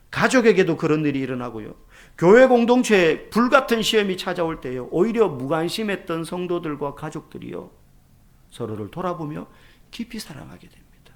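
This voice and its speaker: A man preaching a sermon as pastor, asking rhetorical questions and sometimes dropping to a soft near-whisper. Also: fairly high pitch.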